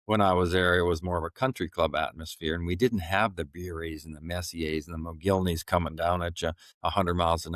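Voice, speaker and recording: A man's voice: low voice, no room sound, studio quality. A middle-aged man, a former hockey player, telling stories on a podcast, rambling with many fillers and restarts. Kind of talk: casual podcast storytelling.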